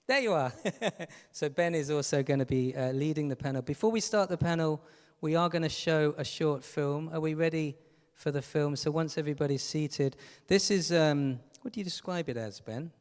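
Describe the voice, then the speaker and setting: A man's voice: on the high side, normal speed, smooth. Male event host, upbeat announcements, hall echo. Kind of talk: stage announcements. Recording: long hall reverb.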